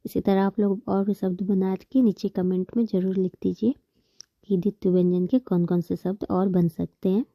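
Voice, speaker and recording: A woman's voice: medium pitch, flat delivery, normal speed, dark tone, no echo. A woman teaching a Hindi grammar lesson, patiently explaining terms, repeating them and counting examples aloud.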